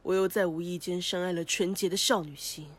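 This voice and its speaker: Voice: medium pitch, steady tone, a little fast, natural voice. Actor voicing a gallant, poetic cartoon prince. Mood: smug. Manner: grand, poetic, courtly. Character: gallant young prince, once a cursed frog. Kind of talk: cartoon voice acting.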